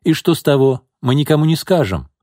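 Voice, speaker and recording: A man voicing a drunken, pushy middle-aged businessman in an audiobook, needling, bitter and rising into angry shouts. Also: fairly high pitch, lively intonation, brisk, no echo, clean studio sound, pitched above the performer's own voice, lightly acted. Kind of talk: audiobook character reading.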